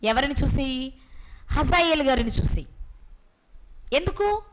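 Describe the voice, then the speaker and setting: A woman preacher giving a sermon, posing questions to her listeners and answering them, and reading scripture slowly. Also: high voice, expressive, poor audio.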